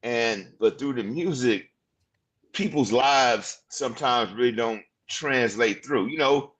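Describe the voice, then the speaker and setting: A man in his fifties hosting a casual interview, excitable and rambling, full of slang. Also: medium pitch, slow pace. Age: 50s. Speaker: podcast host.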